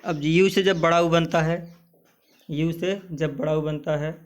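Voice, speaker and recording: A man with a slightly high voice teaches English vowel sounds in Hindi. He says example words slowly, one by one, and keeps asking the listener what they are. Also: fairly even intonation.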